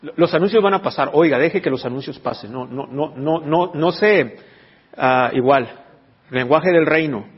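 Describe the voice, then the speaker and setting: A husky male pastor teaches his congregation, often stopping to ask whether they follow. His voice rings with a long reverb through a church hall, and the recording is dull. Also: a little high, normal speed. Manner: teaching, asks the congregation questions. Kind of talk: sermon.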